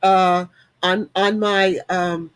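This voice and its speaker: Late-sixties woman, upbeat panelist, chatty and warm-toned, dry mic. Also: on the low side, steady tone, drawn-out words, clean tone, no room sound, low-quality recording. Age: 60s. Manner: chatty, upbeat, with frequent ums. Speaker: panelist and leadership coach. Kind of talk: casual online panel talk.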